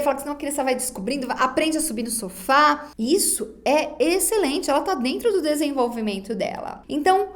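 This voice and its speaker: High-voiced woman lecturing. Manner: didactic, addresses students directly, acts out parents' baby talk. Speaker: psychology lecturer. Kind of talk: recorded online lesson.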